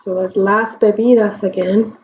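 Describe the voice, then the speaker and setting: A woman's voice: medium pitch, level tone. A woman teaching a Spanish grammar lesson, explaining step by step and checking in with her students. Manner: slow, deliberate explanations with frequent check-ins. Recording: dull lo-fi recording.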